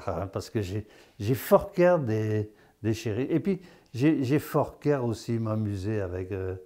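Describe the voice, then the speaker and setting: A man's voice: medium pitch, warm tone. A man giving a folksy dialect lesson. He is chatty, tags his lines with "hein?" and laughs at his own jokes. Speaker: patois teacher on local TV.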